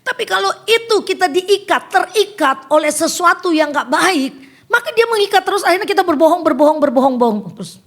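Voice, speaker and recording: A woman's voice: extremely high pitch, lively intonation, a little fast, a bit bright. An older woman preaching a sermon in a chatty storytelling way, acting out the conversations she tells.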